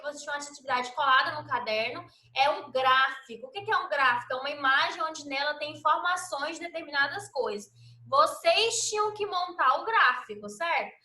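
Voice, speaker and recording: High bright teacher in an echoey room. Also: female voice. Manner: patient, slow and sing-song, spelling out letters and syllables. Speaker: primary school teacher. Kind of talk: recorded remote lesson for children.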